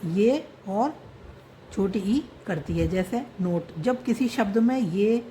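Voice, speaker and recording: Woman, patient teacher, very slow pace, repeats and spells out words, slight room noise. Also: medium pitch, expressive, dark tone. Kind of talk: slow explanatory script lesson.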